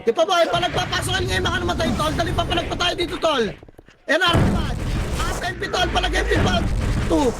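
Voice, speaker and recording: A man leading his squad in live team voice chat during a shooter match, barking rapid commands, counting down and swearing. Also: very high-pitched, level tone, loud music behind the voice. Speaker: squad leader calling shots.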